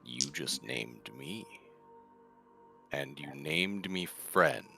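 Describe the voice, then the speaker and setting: A compassionate adventurer, played by a man at the table, speaks low, slow and soft. His tone is bright and earnest. Faint music runs behind him. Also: animated, creaky, full character voice. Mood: gentle earnest.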